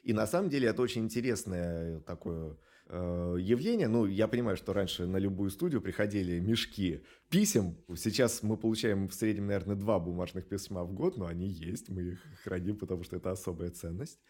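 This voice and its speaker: Speaking low with a darkish tone, this man answers interview questions as an animation studio director, pausing in long, hesitant stretches as he thoughtfully works through his explanations.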